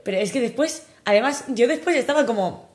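Young woman, kinda tipsy, telling a story all excited, giggly, casual podcast chat. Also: fairly high pitch, fairly quick. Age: young adult. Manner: animated, excitable, laughs often. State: a little tipsy.

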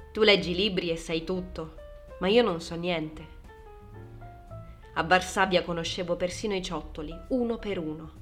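Una donna che legge la parte di una giovane immigrata spaesata e chiacchierona in un audiolibro, con un tono vivace e preoccupato, tra una cosa e l'altra. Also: female voice, medium pitch, natural voice. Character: young immigrant woman, chatty and bewildered. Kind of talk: audiobook dialogue reading.

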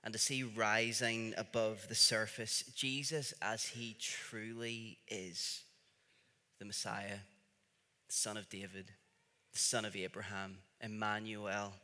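A man preaching in a storytelling style, with dramatic pauses and emphatic repetition. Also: on the low side, flat delivery, bright, forceful tone. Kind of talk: storytelling sermon. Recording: reverberant large-room sound.

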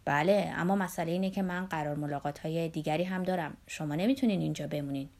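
A woman voicing a patronizing middle-aged male publisher in an audiobook, measured and falsely polite. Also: deep voice, vocal fry, darkish tone, pitched below the performer's own voice. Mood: impatient.

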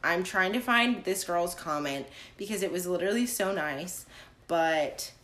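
A woman in her twenties chatting casually as a podcast co-host, rambling in a neurotic, halting way with repeated words. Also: fairly low pitch, lively intonation, fairly bright tone. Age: 20s. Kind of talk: casual chat. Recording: roomy, echoing sound.

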